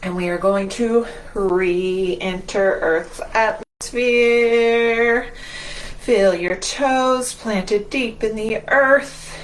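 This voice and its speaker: Leading a storytime with movement and read-aloud, this children's librarian uses an encouraging, singsong manner with young listeners. Her voice is slightly high and she draws out her words, while the poor recording carries a faint hiss or hum.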